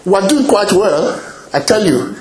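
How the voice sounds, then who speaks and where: A man preaching a sermon with lively exclamations of praise, often repeating and restarting his phrases. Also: high voice, unhurried, a little hiss or hum. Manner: animated, exclaims hallelujah and praise God often. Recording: echoey hall.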